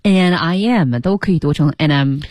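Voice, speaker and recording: A woman co-hosting a radio English lesson, lively and teasing, who repeats and translates the lines. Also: deep voice, normal speed, dry recording, studio quality. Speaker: co-host.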